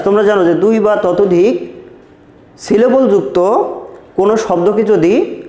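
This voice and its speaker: High-voiced teacher man in an echoey room. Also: darkish tone. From Bangladesh. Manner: repetitive, step-by-step, asks and answers own questions. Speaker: school English teacher. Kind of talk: recorded classroom lesson explaining grammar.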